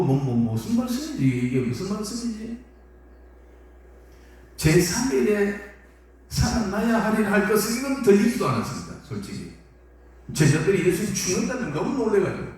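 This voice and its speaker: A male pastor delivers an animated sermon in a slightly high voice. He acts out biblical scenes and calls the congregation to read with him. The sound reaches the mic from a distance, with a heavy church echo. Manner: animated, acts out biblical characters, leads congregation in reading aloud. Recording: echoey church hall from far off.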